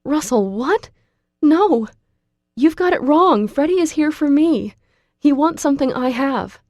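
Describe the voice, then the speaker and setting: A woman voicing a seventeen-year-old girl who begs in high cries and soothes softly. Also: animated, measured pace, no echo, studio quality. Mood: pleading. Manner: high pleading cries, then soft soothing.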